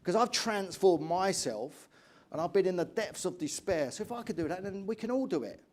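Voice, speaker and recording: A middle-aged English man giving an energetic motivational keynote speech, telling stories and asking the audience questions. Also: high voice, normal speed. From England. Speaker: motivational speaker.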